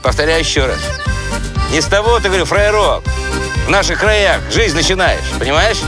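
An actor playing a menacing small-time gangster who threatens in patronising street slang. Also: male voice, a little high, lively intonation, fairly quick, over loud music, lightly acted. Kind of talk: screen comedy-drama acting. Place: outdoors by a car in woods.

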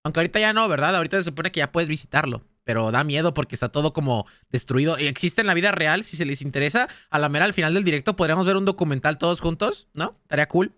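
A Mexican man commenting on a game live, in a high, bright voice that carries lots of energy. He talks in a chatty, slangy way, reacting out loud and speaking straight to his chat. The sound is dry and close, with no room echo. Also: lively intonation, fast, hardly any pauses. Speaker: gaming streamer.

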